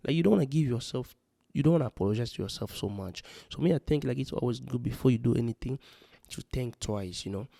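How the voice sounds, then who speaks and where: A Congolese man vlogs casually about parenting, speaking earnestly and rambling with lots of "you know" fillers. He talks fast at a medium pitch, with vocal fry and a warm tone. The close or handheld mic gives a studio-quality sound with no echo.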